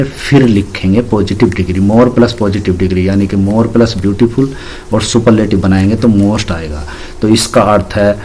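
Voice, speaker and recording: A man's voice: fairly low pitch, darkish tone, a little hiss or hum. A man teaching an English grammar lesson, patiently explaining rules and spelling words out letter by letter.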